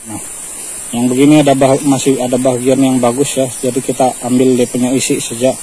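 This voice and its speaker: A man's voice: medium pitch, fairly quick, rough recording. A man from Malaysia, casually explaining as he vlogs outdoors in a durian orchard. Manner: relaxed explaining, steady even delivery. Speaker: vlogger. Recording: outdoor recording with clear background noise.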